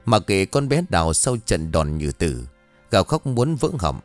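A man reading an audio story aloud in an expressive, dramatic narration style. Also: low-pitched, normal speed, faint music behind.

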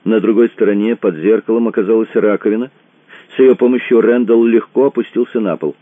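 A man narrating an audiobook in an expressive reading style, in a tinny, dry recording. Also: lowish voice, brisk, no echo. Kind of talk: scripted narration. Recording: tinny phone-like dry sound.

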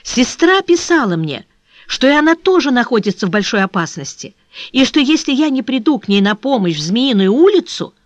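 A frightened young woman begs in a high, trembling, tearful voice, as the reader puts her on. She is an audiobook character, heard close and dry with no room sound. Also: sing-song, fairly quick, no room sound, natural voice. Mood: pleading. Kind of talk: audiobook reading.

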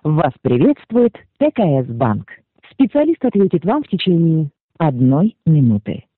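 Give me an automated bank phone-line greeting, tinny and robotic over a phone line with hold music, in a flat scripted recorded delivery. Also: medium pitch, a little slow, husky, no room sound. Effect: automated phone-menu greeting over a line.

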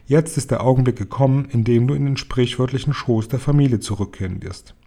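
A man voicing a firm, brisk old grandmother in a storybook reading. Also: mid-range voice, creaky, dark tone.

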